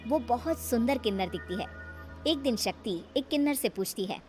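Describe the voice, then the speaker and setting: High-voiced woman narrating a story. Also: animated, normal speed, a little mellow, faint music behind. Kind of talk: scripted bedtime story narration.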